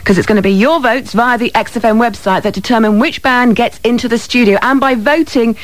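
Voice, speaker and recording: A woman's voice: fairly high pitch, a little fast, no room sound. British woman presenting music radio, dry studio sound. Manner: informal, often adds tag questions like "okay?" and "isn't it?". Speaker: radio DJ and show host. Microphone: close studio microphone.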